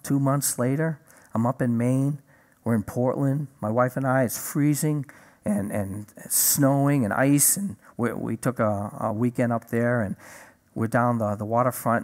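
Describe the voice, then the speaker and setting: Animated male preacher telling a story. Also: medium pitch. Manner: animated storyteller, acts out dialogue. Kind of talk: sermon with personal testimony.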